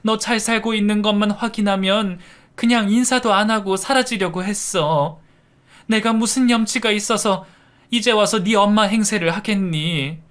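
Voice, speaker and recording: A woman's voice: medium pitch, normal speed, pitched above the performer's own voice, close to an everyday voice. A man voicing a middle-aged mother who tearfully begs her abandoned daughter's forgiveness in a storybook narration. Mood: tearful pleading. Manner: tearful, pleading. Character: sobbing middle-aged birth mother, remorseful.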